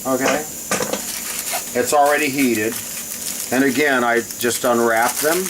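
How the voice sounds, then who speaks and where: A man's voice: medium pitch, measured pace. Man rambling through a cooking vlog, hissy recording. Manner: rambling, often breaks off to handle things. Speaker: home cook showing a recipe on video. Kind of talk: casual cooking vlog chat. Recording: loud steady hiss behind voice. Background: loud hissing.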